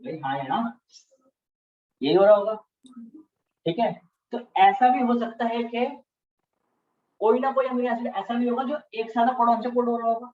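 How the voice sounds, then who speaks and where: A man's voice: very high-pitched, normal speed, pauses often, slight background noise. A man teaching a class, repeating key terms and often checking that students follow. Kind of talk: classroom lecture. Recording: distant, echoey, dull-sounding classroom recording.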